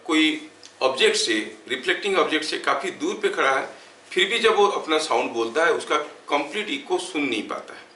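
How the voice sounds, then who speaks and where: A male physics teacher with an Indian accent lecturing a class, slowly dictating points, repeating phrases and checking that students follow. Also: fairly high pitch, sharp tone, far from the mic. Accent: Indian English. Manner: slow dictation-paced explaining, repeats phrases, checks understanding. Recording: echoey room, voice from afar, faint ambience.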